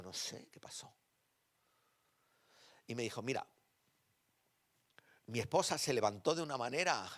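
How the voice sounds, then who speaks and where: A man preaching a sermon in a church, telling personal stories with animated emphasis that drops to quiet, intimate tones. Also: mid-range voice, no room sound. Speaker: pastor.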